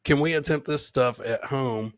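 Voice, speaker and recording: The podcast host here has a mid-range male voice and a moderate pace, captured in studio quality with no echo. Swearing and fillers pepper his casual live comedy banter as he goes through viewer comments and answers them.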